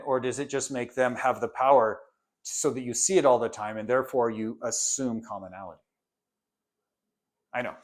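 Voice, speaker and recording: A man teaching a course in a casual, conversational lecture, firing off rhetorical questions and briefly acting out what his students or parents might say. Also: mid-range voice. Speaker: course instructor.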